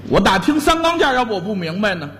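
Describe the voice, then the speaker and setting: Straight man in crosstalk, high lively voice, skeptical and correcting, echoey hall. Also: fast, a little hiss or hum. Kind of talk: stage crosstalk comedy. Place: large hall on stage. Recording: live stage in a reverberant hall.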